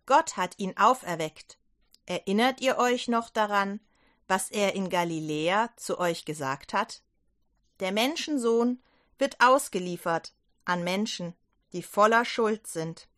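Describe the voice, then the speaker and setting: A solemn, shining angel messenger speaking in a lowered, measured voice, as a woman reads the storybook aloud. The delivery is slow and bright. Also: lively intonation.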